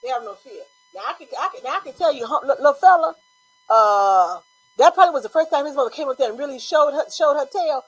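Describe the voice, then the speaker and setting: A woman with a high voice and a quick pace tells stories animatedly on a casual talk show. She laughs easily between lines and keeps the chat moving. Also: low-quality recording. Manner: animated storyteller, laughs often. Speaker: co-host.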